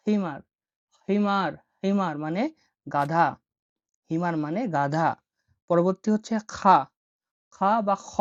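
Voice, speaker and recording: A woman's voice: on the low side, a little mellow, no echo, muffled recording. A woman teaching Arabic letters and words as a lesson, repeating each word and its meaning several times over. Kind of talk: slow repetitive vocabulary lesson.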